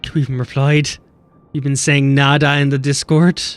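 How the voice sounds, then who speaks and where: Over soft background music, a game streamer with a clear, resonant, medium-pitched voice chats casually and bickers with chat. He's animated, swears freely and fires off quick banter.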